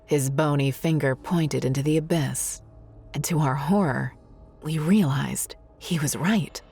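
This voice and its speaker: A woman narrating a scary story in a measured, ominous storytelling manner. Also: deep voice, vocal fry, warm tone, breathy edge, soft background music. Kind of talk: scripted horror narration.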